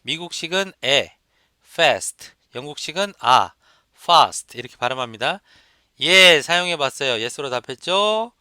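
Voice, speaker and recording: A male instructor walks through listening questions, repeating each example and prompting his students to say it back. His voice is bright and forceful, smooth and crisp, and it sounds close and dry with no room echo. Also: fairly high pitch, lively intonation, moderate pace. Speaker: English test instructor. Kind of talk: lecture.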